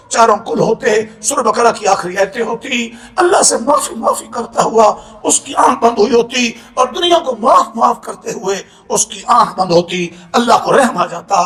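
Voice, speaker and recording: A man preaching a sermon with impassioned force, often breaking into shouts. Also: very high-pitched, echoey room.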